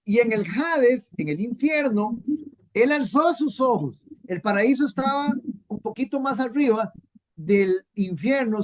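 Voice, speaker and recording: A woman teaching a Bible class in an earnest way, repeating key points and asking rhetorical questions. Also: on the high side.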